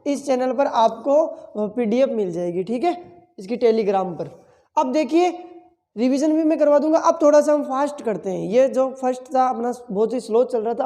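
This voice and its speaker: In a large hall, a male teacher with a very high, warm voice gives an exam-prep lesson full of memory tricks. He asks questions and answers them himself, repeating key words several times.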